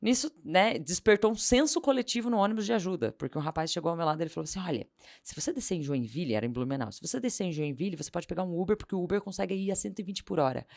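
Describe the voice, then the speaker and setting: A woman tells a story at a quick clip as a guest on a casual interview show. Her voice has a gravelly, creaky texture, and she acts out the lines of the people in her story. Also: lowish voice. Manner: animated anecdote-telling, acting out quoted dialogue. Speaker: podcast guest.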